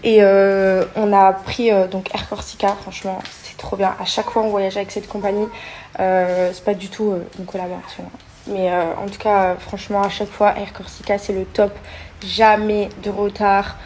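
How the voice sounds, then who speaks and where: Young woman, casual vlog talk, hesitant with fillers, mid pitch, faint ambient noise. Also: flat delivery, normal speed, a little mellow. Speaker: vlogger.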